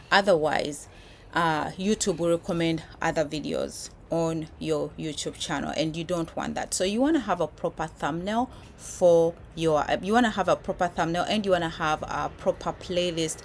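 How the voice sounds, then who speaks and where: A Ugandan woman YouTube creator with a low voice talks casually to camera while filming on a trip abroad. Her vlog delivery rambles, full of restarts and fillers, with faint noise in the background.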